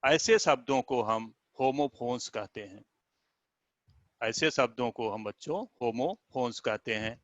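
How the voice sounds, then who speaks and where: A man's voice: mid-range voice, unhurried, dry recording. A male teacher giving a video lesson to children, who says each word several times and spells it out letter by letter. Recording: dull lo-fi sound.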